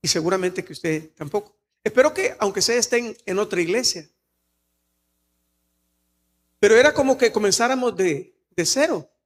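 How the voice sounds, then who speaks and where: A man's voice: high voice, lively intonation, a little fast. A man with a Salvadoran Spanish accent preaching a sermon in a church, earnest and personal, sometimes rising to emphatic exclamations. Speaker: pastor.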